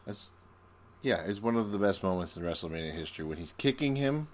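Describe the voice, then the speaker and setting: Male co-host, deep voice, casual laid-back chat, emphatic. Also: lively intonation, brisk. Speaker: podcast co-host.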